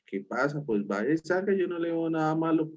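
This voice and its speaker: A breezy, encouraging young woman friend talks in a raised, lively pitch, as a man puts her on. The audio is dull and lo-fi, like a video call. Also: moderate pace, dry recording, close to an everyday voice.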